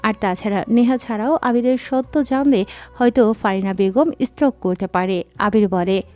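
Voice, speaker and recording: A woman narrating a scripted audio story in a steady, dramatic reading style. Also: mid-range voice, moderate pace.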